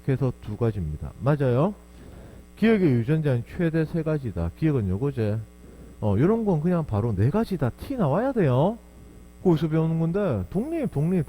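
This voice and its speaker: A man's voice: mid-range voice, mellow, poor audio. A man teaching a biology lesson, walking through exam problems step by step and often checking with his students. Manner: explains step by step with frequent check-ins to students. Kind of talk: exam problem walkthrough lecture. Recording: faint mains hum behind the voice.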